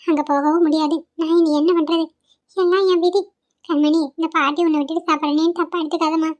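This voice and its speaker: A woman's voice: very high voice, little pitch movement, quick pace. A woman voicing a sentimental, scolding elderly grandmother in a cartoon, lamenting and grumbling aloud. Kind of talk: cartoon voice acting.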